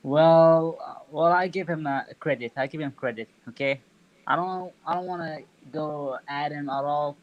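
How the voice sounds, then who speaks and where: A man from Saudi Arabia whose first language is Arabic, calling in to a stream and chatting with hesitant, halting phrasing. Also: a little high, muffled recording. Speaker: caller. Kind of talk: casual chat.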